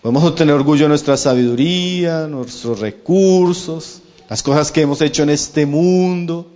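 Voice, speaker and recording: A man preaching a sermon, earnest, slowing right down to stress the verses he quotes and calling his listeners brothers. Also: a little high, a little mellow. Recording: dull reverberant hall sound.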